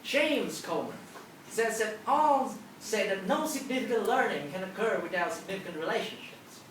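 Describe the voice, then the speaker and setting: A woman's voice: mid-range voice, animated, normal speed. Female public speaker, emphatic storyteller, motivational delivery, captured at a distance in a very reverberant hall. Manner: emphatic storytelling, acting out dialogue. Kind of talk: motivational talk to a live audience. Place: large auditorium with an audience. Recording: echoey hall, distant, noisy.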